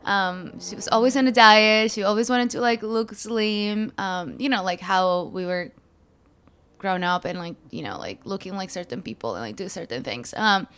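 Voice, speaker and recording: Young woman from Mexico, podcast guest, smooth clear voice, loose and chatty. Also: medium pitch, normal speed, fairly bright tone. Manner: chatty, filler-heavy, laughs easily. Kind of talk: casual interview chat.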